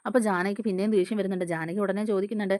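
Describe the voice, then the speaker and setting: A woman narrates a serial recap in a relaxed, chatty storytelling tone. She talks briskly and keeps tagging her sentences. The sound is dry and close, with no room around it. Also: medium pitch, no echo. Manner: chatty, ends lines with a tag word.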